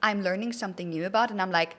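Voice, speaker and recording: At a quick pace, this woman hosts a podcast interview, chatting in a casual, enthusiastic way and heaping on compliments. Her pitch is medium and her tone fairly bright.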